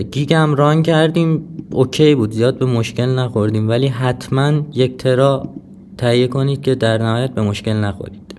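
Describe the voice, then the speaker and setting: A man's voice: medium pitch, warm tone, slight background noise. A man giving a casual screen-recorded tutorial, talking viewers through each step with frequent hesitations and filler sounds. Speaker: crypto tutorial presenter.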